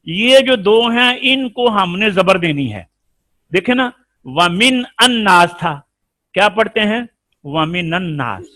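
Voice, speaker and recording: High-voiced man teaching Quran recitation. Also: pushed and bright, dry recording. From Pakistan. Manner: explains rules slowly, then chants Arabic examples; quizzes his students. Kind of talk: tajweed lesson.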